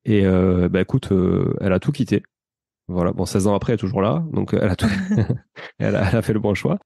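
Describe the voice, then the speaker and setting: A husky, deep, warm voice with vocal fry and lively intonation belongs to a Frenchman of around forty with a Toulouse accent. He talks briskly about his life in a relaxed interview, often turning to the host with "tu vois", and the studio sound is clean with no room sound.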